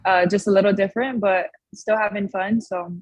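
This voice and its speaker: Young female athlete from Hawaii, husky voice, dry close sound, halting and easygoing. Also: medium pitch, steady tone, no room sound, dull audio. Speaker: professional soccer player. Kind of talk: media day interview.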